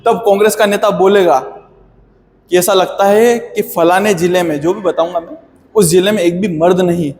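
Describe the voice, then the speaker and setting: A man's voice: high voice, steady tone, normal speed, a little mellow, big-room sound, slight background noise. A man teaching a history lesson in a chatty, friendly way, calling his students "beta". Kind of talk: classroom history lecture.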